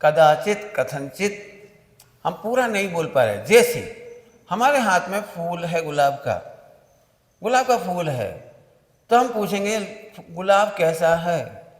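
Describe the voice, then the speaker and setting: A very animated, high-voiced man leads a religious workshop in classroom style, explaining slowly with everyday examples. He keeps asking "got it?" to check that listeners understood. The reverberant hall gives his voice a long echo.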